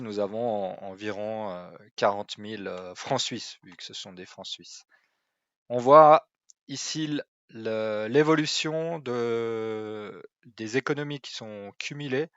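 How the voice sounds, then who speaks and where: A man's voice: lowish voice, no room sound, highs cut off. A man, walking through an online tool in a hesitant way, with many fillers and restarts. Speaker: website presenter. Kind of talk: screen-recorded tool walkthrough.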